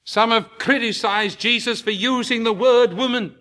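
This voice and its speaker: A man preaching a sermon to his congregation, slow and emphatic, rising into impassioned peaks. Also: extremely high pitch, bright, forceful tone.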